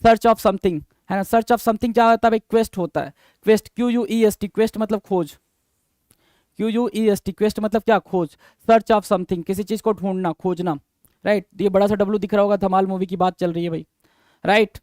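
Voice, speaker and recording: Casual lesson voice, guy, keeps repeating and quizzing, reads english lines slow, very dry recording. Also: high-pitched, fairly even intonation, darkish tone, no echo. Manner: repetitive, addresses viewers as "bhai", quizzing questions; reads English definitions slowly, then explains. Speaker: exam vocabulary teacher. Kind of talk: lecture-style teaching.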